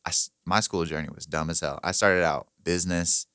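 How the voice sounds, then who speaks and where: Deep-voiced guy, late twenties, talks quick and loose, bright crisp sound, dry close mic. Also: steady tone, dry recording. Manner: laid-back slangy talk full of "like" and "bro". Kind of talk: casual chat.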